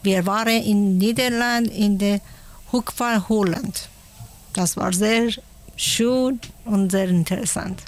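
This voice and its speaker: Woman, slow, halting, searching for words, radio interview guest. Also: mid-range voice. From Iran. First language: Persian. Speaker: interviewee, mother.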